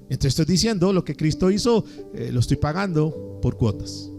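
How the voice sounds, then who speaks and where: A man's voice: on the high side, lively intonation, moderate pace, gravelly. A man preaching a sermon as pastor, putting questions to his congregation. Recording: faint music underneath.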